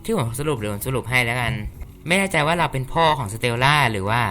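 A man gives casual game commentary, reacting aloud and chatting as he plays. His voice is bright and forward, at an ordinary pitch for a man. Faint game music runs underneath. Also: lively intonation, fast. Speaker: gaming channel host.

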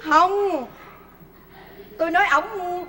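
A woman's voice: extremely high pitch, very slow, bright, forceful tone, heavily acted. An actress playing a flirty, easily exasperated widowed mother in a stage comedy sketch. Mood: sassy. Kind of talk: overseas Vietnamese comedy sketch.

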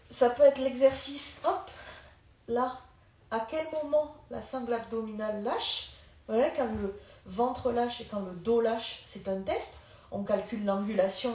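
A woman's voice: a little high, a little mellow, echoey room. A woman physiotherapist gives a live lesson on pelvic floor health. She talks conversationally, loses her thread and comes back to it, and moves around while she demonstrates.

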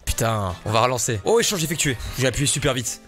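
A man giving casual, joking let's-play commentary as a gaming YouTuber, excitable and slangy, talking straight to his viewers. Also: mid-range voice, fast, faint music behind.

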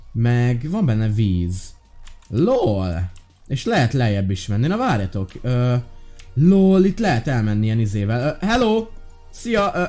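A man hosting a gaming video, giving casual, excitable and curious let's-play commentary with many fillers. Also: fairly high pitch.

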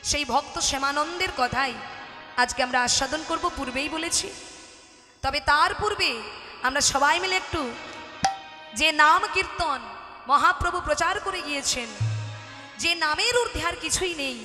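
A woman preaches at a live devotional gathering, speaking slowly and deliberately in a high, bright voice. She addresses the audience directly and urges them to chant along. Her voice rings through an echoey hall with a long reverb tail, and music plays faintly behind. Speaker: kirtan singer and preacher. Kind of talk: devotional sermon with call-and-response chanting.

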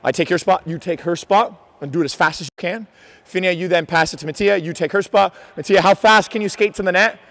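A man's voice: high voice, a little fast, fairly bright tone. A man coaching hockey on the ice, calling out drills with urgent, repeated, encouraging commands in a noisy indoor rink. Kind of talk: shouted drills and instructions on the ice.

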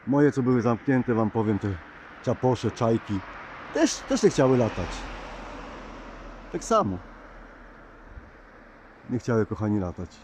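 A man's voice: medium pitch, very animated, measured pace, long pauses, a little mellow, a little hiss or hum. A man keeping pigeons, chatting casually to his viewers outdoors while filming on a phone. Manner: chatty, addresses viewers as dear ones. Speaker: pigeon keeper vlogger. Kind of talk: casual running commentary to viewers. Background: birds and outdoor ambience.

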